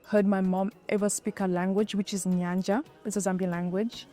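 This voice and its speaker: A woman's voice: mid-range voice, little pitch movement, moderate pace, dark tone, soft background music. A young woman born in Zimbabwe and raised in South Africa, chatting openly as a podcast guest about growing up. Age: young adult. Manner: open and chatty, some restarts. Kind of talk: casual personal storytelling.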